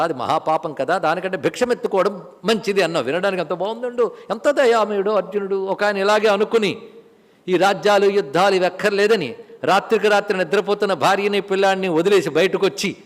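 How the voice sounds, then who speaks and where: A man with a Telugu accent delivers a spiritual discourse in a high, ringing voice. He moves between storytelling and slow, chanted Sanskrit verses. His voice trails off into a long hall echo. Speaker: Gita discourse speaker.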